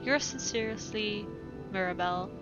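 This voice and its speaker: Heard through a muffled recording with music behind, a young woman talks at normal speed in a mid-range voice. British by origin but raised elsewhere in Europe, she has a mixed European English accent and is giggly and chatty, with many fillers, as she streams a game and reads letters aloud.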